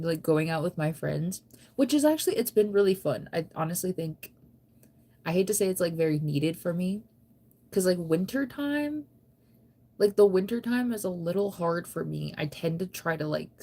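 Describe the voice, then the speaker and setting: A woman's voice on the low side with a darkish tone: she's an American live streamer in her thirties. On a casual late-night stream she answers comments from viewers. She rambles conversationally and playfully teases herself.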